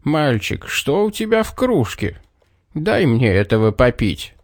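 A man's voice: medium pitch, sing-song, a little slow, dry recording, studio quality. A man reading a storybook, voicing an old male beggar who takes offense and blusters indignantly. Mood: pleading.

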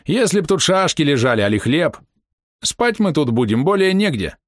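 A man voicing a hot-headed young soldier who shouts in a thin, aggrieved, high voice. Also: big pitch swings, moderate pace, dry recording, clean studio sound. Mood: brash.

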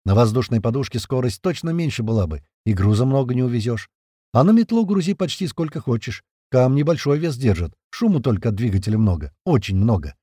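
A man's voice: mid-range voice, big pitch swings, brisk, mellow, slightly rough, no room sound. A man narrating a first-person audiobook in a conversational tone with casual swearing, close to the mic.

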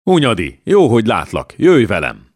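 A man voicing a brisk, commanding old lord in a storybook reading. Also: sits low, dry recording, clean studio sound, pitched above the performer's own voice, lightly acted.

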